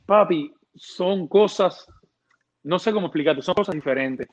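Speaking a little slowly in a high-pitched voice, a man who produces music rambles through a casual interview, often restarting and filling gaps with fillers. The audio sounds dull and lo-fi.

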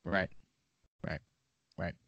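A man's voice: extremely slow, a bit bright, no room sound, muffled recording. A man co-hosting a podcast in casual chat, rambling and joking as he tells stories. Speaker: podcast co-host.

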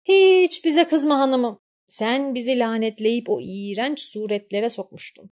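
A storybook talking beast, a palace guard, drawling its excuses slowly and humbly, told by a woman narrator. The voice sits a little higher than plain narration and stretches each word. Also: darkish tone, close to an everyday voice. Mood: pleading. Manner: slow, drawn-out pleading. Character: talking animal guard, slow and pleading.

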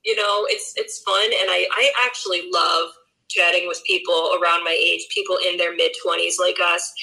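A woman's voice: lowish voice, pushed and bright, low-quality recording. A woman in her twenties, a health coach guest on a podcast, chatting casually and upbeat with frequent fillers. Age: 20s.

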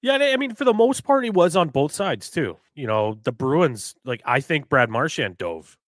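A man from New Hampshire co-hosting a casual sports podcast, animated and quick to get heated, swearing freely. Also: on the high side, no room sound. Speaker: podcast co-host.

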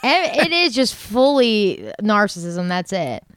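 Woman co-host, casual podcast chat, smooth clear voice with lively pitch, blunt and profane, dry close sound. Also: measured pace, dry recording. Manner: blunt, swears, laughs while talking.

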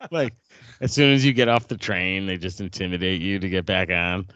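Low-voiced wisecracking man. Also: steady tone, fairly bright tone, no room sound. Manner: wisecracking, quick interjections. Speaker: podcast co-host. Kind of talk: casual chat. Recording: dull dry lo-fi sound.

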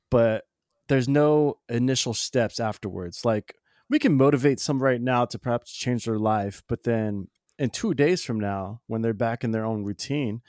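Podcast co-host, man, middle pitch, dry close recording, easygoing and reflective. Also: a little mellow, no room sound. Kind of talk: casual podcast chat.

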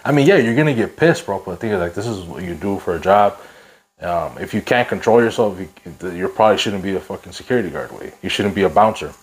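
Low-voiced man, slangy bro talk. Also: animated, fast talker, rough recording. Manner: bro-heavy, slangy, swearing street talk. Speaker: podcast host. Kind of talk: casual podcast chat.

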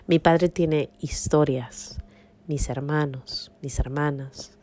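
Low, mellow-voiced woman telling a faith story. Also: steady tone, slow. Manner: emotional storytelling, drops to a whisper at tense moments. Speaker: podcast host. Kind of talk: personal faith testimony.

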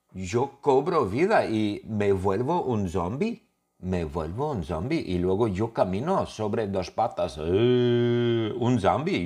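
A man voicing a dead little hamster back as a zombie, telling its own burial story, with a low voice that swings widely in pitch and keeps stopping to repeat and fix words, comic and unpolished. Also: darkish tone. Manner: halting, repeats and corrects words often. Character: dead male pet hamster turned zombie. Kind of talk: improvised comic story in a second language.

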